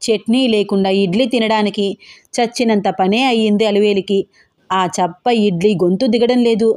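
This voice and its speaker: A woman narrating a family audio story in an even, plain storytelling voice. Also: medium pitch, normal speed.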